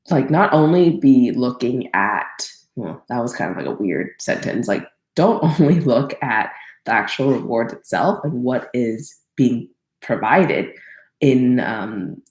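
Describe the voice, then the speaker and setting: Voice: medium pitch, lively intonation, slow. A crowdfunding consultant from Thailand giving casual solo advice, rambling with many fillers and self-corrections. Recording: roomy echo.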